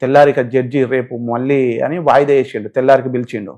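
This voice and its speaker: A man's voice: medium pitch, little pitch movement, fast, a little mellow. A man with a Telangana Telugu accent, a pastor telling his own story as a guest in an interview. He relates it with feeling and acts out the voices of the people he quotes. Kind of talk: emotional personal testimony in an interview.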